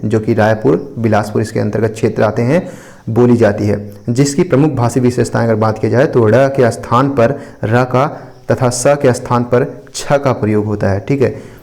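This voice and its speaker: Mellow-voiced Indian man teaching. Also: medium pitch. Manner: explanatory, repeats points with frequent "ठीक है". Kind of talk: explaining an exam answer copy.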